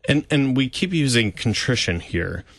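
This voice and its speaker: A man's voice: medium pitch, very animated, normal speed, no room sound. A man hosting a radio talk show on faith, chatty and loose with frequent fillers and restarts. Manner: conversational, many fillers and restarts.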